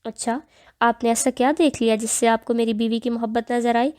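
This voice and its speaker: A woman's voice: fairly high pitch, flat delivery, a little mellow, clear, resonant tone, dry recording, clean studio sound, natural voice. A woman reading a stubborn, curt young husband. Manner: curt, defiant.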